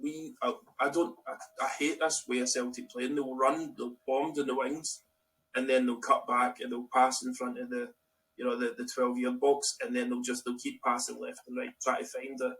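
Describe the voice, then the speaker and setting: A Scottish man co-hosting a casual podcast, rambling in an animated way about football. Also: medium pitch, moderate pace. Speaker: podcast co-host. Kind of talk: casual chat. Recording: distant mic with faint background noise.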